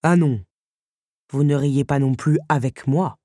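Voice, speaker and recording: A proud male beast with a low, growling voice, put on by a woman reading aloud. He is sullen and easily angered. His lines come heavy and slow in a storybook telling. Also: dark tone, husky, dry recording, clean studio sound, exaggerated voice. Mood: sullen, stern. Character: angry growling male beast, castle master.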